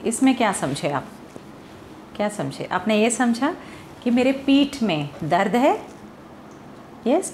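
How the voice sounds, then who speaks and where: Slow, deliberate Indian woman teacher. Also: mid-range voice, darkish tone, slight background noise. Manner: slow, deliberate explaining, quizzing the viewer. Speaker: English pronunciation teacher. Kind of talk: Hindi-language pronunciation lesson.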